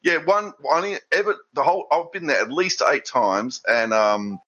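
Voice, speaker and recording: This is an Australian man in a loose, rambling chat, forever saying mate and chuckling between thoughts. His voice is husky with a bright, forceful edge. The audio is dull and lo-fi, like an online call. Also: on the high side, moderate pace. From Western Australia. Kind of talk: casual podcast chat.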